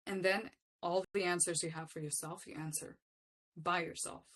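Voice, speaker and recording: A woman teaching a yoga class with a fairly low voice. She speaks earnestly from the heart and stacks up short repeated phrases to drive her points home. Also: fairly even intonation, normal speed, a bit bright. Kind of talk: personal teaching talk to a class.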